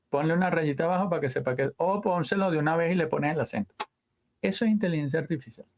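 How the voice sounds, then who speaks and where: A man talks as a guest in a relaxed interview. His voice sits a little high and has a gravelly edge. He tells stories with energy, full of sound words and trailing asides. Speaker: guest, audio engineer. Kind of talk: casual interview chat.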